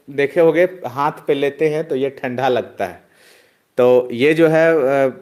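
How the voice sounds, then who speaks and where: A man teaching an online chemistry class. He drills students loudly in call-and-response and chides them as he goes. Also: medium pitch.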